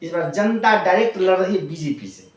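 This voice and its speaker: A man delivers a fired-up political talk straight to his audience, hammering points home through repetition. His voice sits a little high, and he sounds set back from the mic in a strongly echoing room. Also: fairly quick, recorded from a distance. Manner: impassioned, exhorting, repeats phrases for emphasis. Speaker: political commentator. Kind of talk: casual political monologue to viewers.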